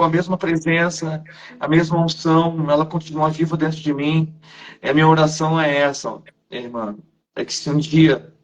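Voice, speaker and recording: A pastor telling his conversion story in an emotional, slow and earnest way during a live stream. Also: on the high side. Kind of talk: testimony in a live interview.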